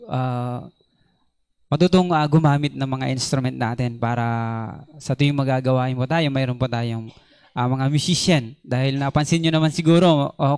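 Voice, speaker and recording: A man with a Filipino accent leading a church service, gentle and hesitant with many fillers. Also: medium pitch, smooth, dry recording, studio quality. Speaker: worship service leader. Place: church hall.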